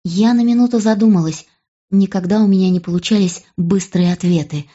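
A woman reading a novel aloud as first-person narration in an even storytelling manner. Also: mid-range voice, fairly quick, highs cut off. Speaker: audiobook reader.

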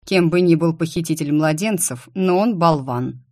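A woman's voice: low-pitched, dark tone. A woman voicing a cold, stern male alien husband who speaks curtly and icily. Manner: curt, icy, measured.

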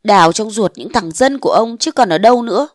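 A woman voicing a bold, scheming young wife of a mandarin, defiant and sharp-tongued, in a storybook reading. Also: medium pitch, expressive, brisk, no echo, clean studio sound, lightly acted. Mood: scornful.

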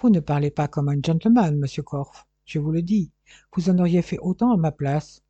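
Audiobook: brash English detective, boastful and loud, read by a man, husky dark tone. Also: fairly high pitch, normal speed, no room sound, lo-fi sound, lightly acted.

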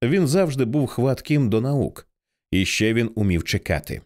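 A man narrating a thriller audiobook in an expressive, measured storytelling manner. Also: mid-range voice. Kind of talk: scripted narration.

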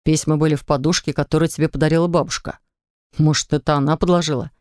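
A woman's voice: deep voice, steady tone, quick pace, darkish tone, no echo, clean studio sound, voice pushed down, natural voice. Woman voicing an exasperated young husband. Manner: curt, exasperated. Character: irritated young husband, quick-tempered. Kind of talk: audiobook character reading.

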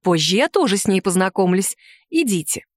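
A woman reading the lines of a gentle, anxious mother who speaks softly and earnestly. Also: medium pitch, very animated, fairly quick, no echo, clean studio sound. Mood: calm.

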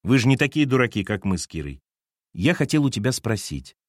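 A man voicing a cautious young man who asks careful, gentle questions in an audiobook. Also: sing-song, fairly quick, no room sound, studio quality. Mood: questioning. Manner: soft, careful, low murmur.

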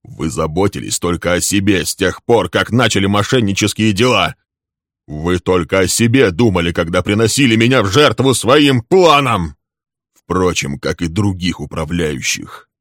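A man voicing a hot-tempered young man who shouts accusations at a rival in a storybook reading. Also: sits low, animated, moderate pace, no echo, clean studio sound. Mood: venomous.

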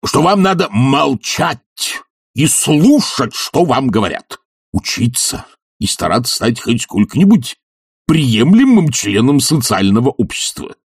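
A man's voice: deep voice, lively intonation, measured pace, vocal fry, mellow, breathy edge, no room sound, clean studio sound, heavily acted. A man voicing an imperious older professor, lofty and ironic, who bursts into thundering rage, in an audiobook. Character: imperious older male professor, quick to fury. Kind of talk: audiobook character voice.

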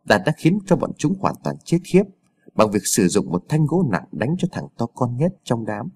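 A man narrating a scripted horror story in a dramatic, expressive storytelling manner. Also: medium pitch, moderate pace, husky.

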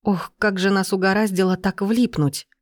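A reader narrating a first-person fantasy audiobook in an even delivery. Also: mid-range voice, normal speed, no echo, studio quality.

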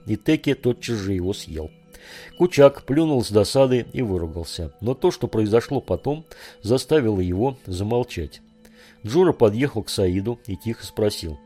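A male narrator reads an adventure audiobook in a steady, measured way. His voice is lowish and dark, with a warm, mellow tone. Faint music plays behind him. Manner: measured storytelling.

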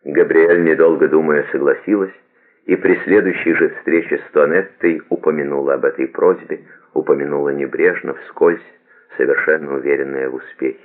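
A man narrating a novel as an audiobook, reading in a steady, even way. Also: rumbling low, normal speed. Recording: tinny phone-like lo-fi audio.

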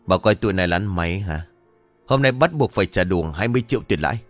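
Thug voice by a male narrator: contemptuous, snarling, low with sharp flare-ups. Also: expressive, quick pace, no room sound, faint music behind. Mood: menacing. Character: brutal young male loan-shark thug, threatening.

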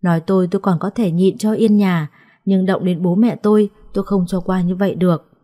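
A woman storyteller reading a first-person family story in a soft, measured way. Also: fairly low pitch, steady tone. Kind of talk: scripted first-person narration.

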